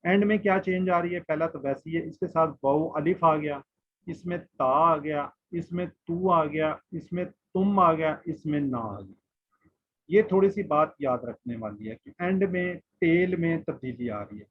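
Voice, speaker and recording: This man's voice is a little high and a little slow. He teaches Quran online, patiently drilling letters and word forms and putting questions to his students over muffled lo-fi audio.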